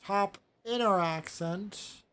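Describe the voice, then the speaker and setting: A woman streaming a relaxed game, thinking aloud and often stopping herself with "hold on" and sudden surprised exclamations. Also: mid-range voice, takes it slowly, noisy background. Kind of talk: casual gameplay commentary.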